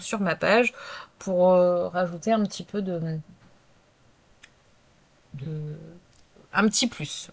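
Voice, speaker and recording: A woman narrating a crafting tutorial in a chatty way, with many hesitant fillers. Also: lowish voice. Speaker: craft video creator. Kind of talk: casual crafting tutorial voice-over.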